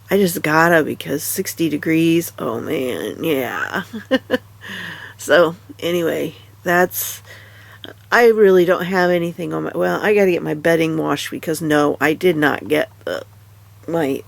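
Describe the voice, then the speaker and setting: Woman vlogging from bed, stuffy nose, sleepy, gravelly creaky voice, halting rambling chat. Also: low voice, no room sound. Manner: rambling, halting, many fillers and restarts. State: tired, half awake. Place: in bed at home.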